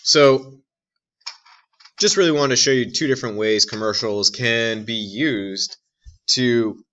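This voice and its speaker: A man's voice: medium pitch, bright, forceful tone, muffled recording. A man teaching a recorded class, explaining step by step with frequent restarts and fillers. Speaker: instructor. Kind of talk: recorded lecture.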